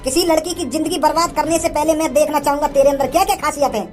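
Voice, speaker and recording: A stern, short-tempered village father talks down to a young suitor, mocking him one moment and threatening him the next in rustic speech, as a woman acts him out. The voice sits high, and faint music plays behind it in this comedy sketch. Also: steady tone, fast talker, a little mellow, natural voice.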